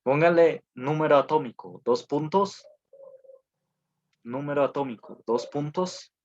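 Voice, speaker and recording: A male teacher giving an online class, dictating notes slowly with many fillers and repeated phrases. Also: a little high, darkish tone. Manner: slow dictation with frequent fillers and repetitions. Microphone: video call. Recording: dull lo-fi online call audio.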